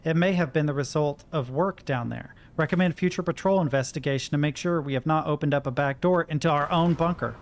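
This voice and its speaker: A man's voice: a little high, fairly quick, few pauses. An American man doing casual livestream game commentary, talking to himself as he plays and reading in-game notes aloud. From Kentucky, United States. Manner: talks to himself while playing. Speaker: game streamer.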